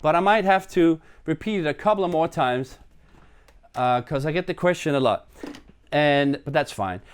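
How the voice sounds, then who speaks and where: A Danish live stream host and musician talks to his viewers from his apartment in a smooth, expressive, somewhat high voice at a moderate pace. The chat is casual and meandering, full of self-mocking humor.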